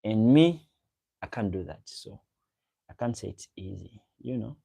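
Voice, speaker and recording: A man with a fairly low, creaky, husky voice and a warm tone speaks at a measured pace but sounds animated. He hosts a livestream, rambling casually, reading viewers' comments aloud and repeating himself as he talks straight to them. His first language is a local African language.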